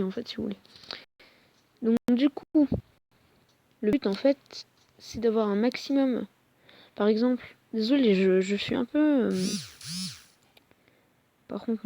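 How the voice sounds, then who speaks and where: A young woman talks casually over a mobile game, hesitant, full of fillers and quick apologies. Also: mid-range voice, a little mellow, no room sound, muffled recording. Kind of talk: casual gameplay commentary.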